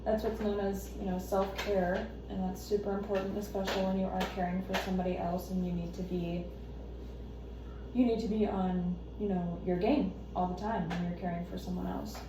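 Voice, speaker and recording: A calm, supportive female therapist, played by a woman in a role-play, recorded from far off in a very echoey room. She probes gently and a little hesitantly, with clear background noise behind her. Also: lowish voice, brisk, natural voice. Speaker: therapist on a home visit. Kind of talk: role-play counselling session. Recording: echoey room, distant mic, noisy background.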